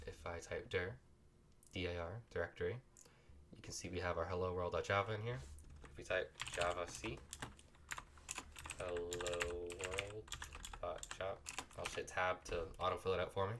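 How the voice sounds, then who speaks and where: Low-voiced sick man giving a coding tutorial. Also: fairly even intonation, fairly quick, noisy background. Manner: loose and apologetic, talks while clicking through steps. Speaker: tutorial host. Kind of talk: casual screen-recorded coding tutorial.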